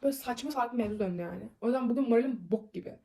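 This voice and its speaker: A woman's voice: a little high, racing, dark tone. A young woman telling a long personal story in a casual vlog, rambling with many fillers and sounding upset as she vents.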